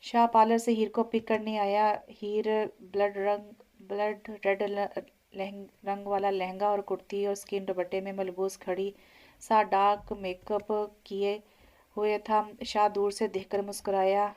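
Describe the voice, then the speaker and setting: Woman narrating in an even monotone. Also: mid-range voice, a little slow. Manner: frequent slips and self-corrections. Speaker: audio novel narrator. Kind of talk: audio novel reading.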